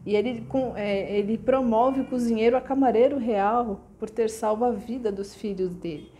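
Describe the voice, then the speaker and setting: A woman's voice: fairly high pitch, normal speed, mellow, slight background noise. A woman with a Brazilian Portuguese accent retelling an old folk tale in a casual, chatty way, with frequent asides. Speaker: storyteller.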